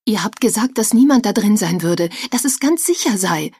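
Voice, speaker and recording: A woman's voice: medium pitch, lively intonation, moderate pace, dark tone, slightly rough, no echo, clean studio sound, pitched above the performer's own voice. Woman reading an anxious young heroine in a storybook, tense and pleading, slightly raised voice.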